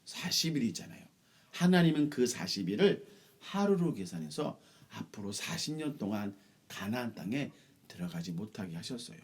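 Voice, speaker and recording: Gentle man preaching to children. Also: fairly low pitch, big pitch swings, moderate pace, husky. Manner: gentle, addressing children as friends. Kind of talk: children's sermon storytelling.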